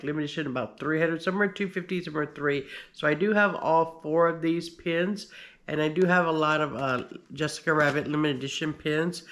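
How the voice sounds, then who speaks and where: Talking through his pins in a relaxed show-and-tell, this man rambles, filling gaps and restarting often. A slight cold leaves his fairly high-pitched, bit bright voice slightly nasal.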